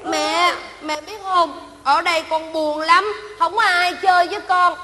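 A woman's voice: very high-pitched, steady tone, measured pace, sharp tone, exaggerated voice. A woman playing a spoiled, petulant young princess who talks in a whiny, imperious way. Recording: hall with long reverb, faint noise.

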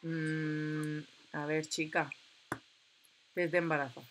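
A young woman, chatting excitedly and reading game options aloud as she plays. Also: low voice, takes it slowly, soft background music. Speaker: gameplay commentator. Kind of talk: casual let's-play commentary.

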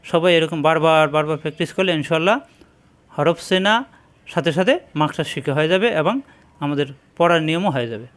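A man with a smooth, resonant and slightly raised voice leads a step-by-step pronunciation lesson. He drills short syllables again and again, slow and patient, so his students can repeat after him. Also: fairly high pitch, a bit bright. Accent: Bangladeshi Bengali. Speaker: Quran reading teacher.

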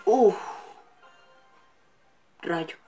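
A woman hosting a gaming channel, giving live gameplay commentary with excitable, frustrated outbursts and cursing at the game. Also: extremely slow, soft background music.

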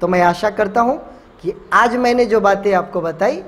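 Man slowly teaching English phrases. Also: high voice, a bit bright. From Bihar, India. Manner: slow, drawn-out dictation of English phrases; repetitive, coaxing rhetorical questions. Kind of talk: classroom lesson.

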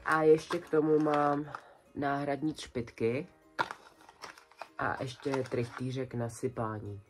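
A woman's voice: a bass voice, level tone, music in the background. A young adult woman vlogging in a small bedroom, chatting casually and colloquially as she shows off her purchases one by one to a close camera. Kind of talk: casual haul video chat. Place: small decorated bedroom indoors.

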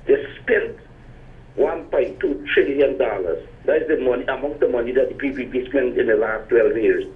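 A man's voice: medium pitch, normal speed. An older man, calling in to a radio show over a clipped phone line and making his point in an emphatic, lecturing way. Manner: emphatic and lecturing, with rising stresses. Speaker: caller. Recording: thin tinny phone line.

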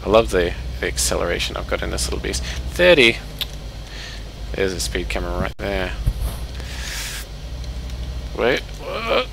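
A man giving excitable let's play commentary, yelling at the game. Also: low-pitched, a little fast, creaky, noisy background. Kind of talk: gameplay commentary. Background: game music.

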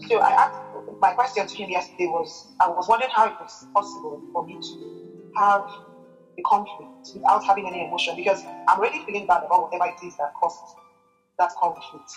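Woman audience member, hesitant question, distant mic, long hall echo, faint music. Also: fairly low pitch. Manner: hesitant, searching for words.

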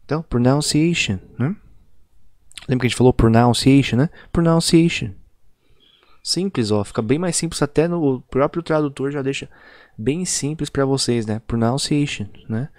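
A man with a Brazilian Portuguese accent teaching an online lesson in a chatty way, often ending lines with little tag questions and stretching example words out slowly. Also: mid-range voice, a little mellow, dry recording, clean studio sound. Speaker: English teacher. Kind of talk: casual online video lesson.

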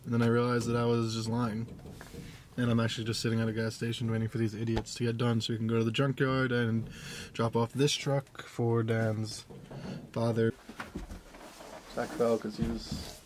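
A man's voice: mid-range voice, level tone, normal speed. Joking young man, noisy garage. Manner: joking, laughs often. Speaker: vlog host. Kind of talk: casual chat.

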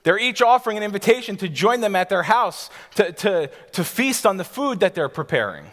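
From a church stage before a seated congregation, a pastor in his thirties preaches a sermon in a high, very animated, slightly bright voice at a somewhat fast pace. He teaches like an instructor, paints scenes for his listeners, and restarts now and then, with long church hall reverb on the recording.

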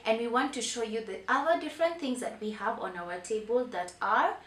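A young woman hosting a children's lesson in an animated, upbeat way, prompting young children with questions. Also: fairly high pitch, brisk, a little hiss or hum. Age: young adult. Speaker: host of a children's lesson, teacher. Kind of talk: children's educational lesson, presenting to camera. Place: small indoor playroom. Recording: roomy echo, mic at a distance.

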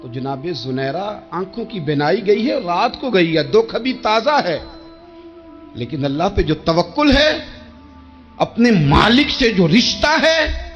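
Impassioned high-voiced male preacher. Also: fairly bright tone. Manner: rhetorical, repeats phrases for emphasis, recites verse. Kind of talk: impassioned sermon. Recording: dull recording with faint music.

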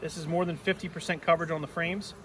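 A middle-aged man gives a hands-on beekeeping demonstration outdoors in a grassy-yard apiary, explaining each step in plain terms. His voice is a little high, steady, and fast, and the distant camera mic a few steps away picks up background noise.

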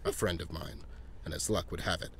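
A man's voice: low-pitched, steady tone, fairly quick, slight background noise, lightly acted. A man voicing a curt, bossy, sardonic teddy bear detective.

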